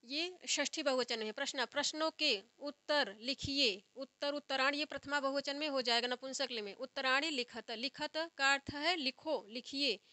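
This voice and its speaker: A young woman teaches an exam-prep grammar lesson, reciting each form slowly and going back over it. Her voice sits high and sounds bright and clear. The sound is dry and close, with no room around it. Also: no echo. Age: young adult. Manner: slow, repetitive recitation of word forms, explaining step by step. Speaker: Sanskrit teacher.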